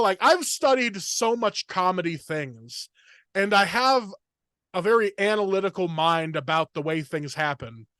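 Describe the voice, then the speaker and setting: A man's voice: a little high, fairly bright tone, no room sound, clean studio sound. A young man hosting a comedy podcast, talking in a rambling, filler-heavy rush of casual chat. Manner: rambling, filler-heavy, fast torrent of words.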